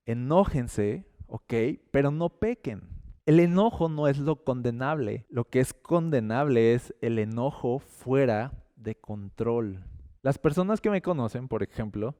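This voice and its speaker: A man giving a conversational sermon on a podcast, acting out quotes and swinging from loud to hushed. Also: mid-range voice, clear, resonant tone, dry recording, studio quality. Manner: lively, acts out quotes and little scenes, swings between loud and hushed. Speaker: podcast preacher.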